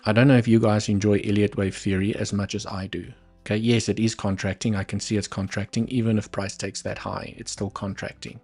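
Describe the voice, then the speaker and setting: A man speaks a little fast with few pauses, his voice low-ish, darkish and level, over soft background music. He's a South African livestream trading host with Afrikaans as his first language. He gives live market commentary, thinking aloud over the charts and muttering asides.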